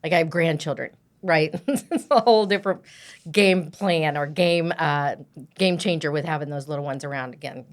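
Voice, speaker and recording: A woman in her sixties hosting a podcast, chatting warmly with her guest and often checking in with "right?". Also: low-pitched, normal speed. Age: 60s. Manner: warm, affirming, often says "right?". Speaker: podcast host. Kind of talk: casual interview chat.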